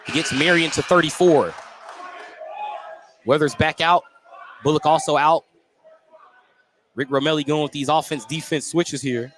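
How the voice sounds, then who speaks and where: A radio announcer calls live basketball play-by-play from a gym, with light gym ambience behind him. His voice is a little high and fairly bright, at a moderate pace with long pauses, and the recording quality is low.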